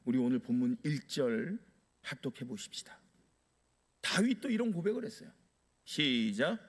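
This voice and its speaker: A man's voice: mid-range voice, sing-song, moderate pace. A male pastor preaching a sermon, asking the congregation rhetorical questions and dramatically acting out prayers. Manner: dramatic, acts out quoted prayers.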